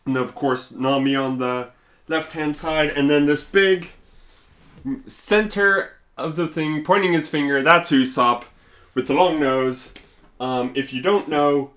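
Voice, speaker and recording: A man's voice: medium pitch, a bit bright. Easygoing man co-hosting a chat. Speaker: podcast co-host. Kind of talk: casual chat.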